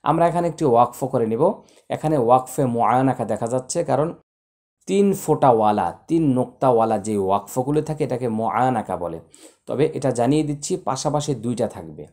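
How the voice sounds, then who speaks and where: A man's voice: medium pitch, animated, quick pace, a little mellow. A man teaching Quran recitation to viewers, spelling out letters and vowel marks one by one and then chanting them. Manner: addresses viewers directly. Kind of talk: spoken lesson with chanted recitation.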